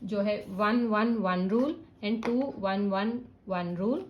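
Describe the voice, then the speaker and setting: A woman's voice: mid-range voice, very slow, rough recording. A woman, patiently teaching a spelling rule step by step, mixing Hindi and English. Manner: patient, step-by-step explaining with checks like "yes". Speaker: parenting channel teacher. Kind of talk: slow explanatory teaching.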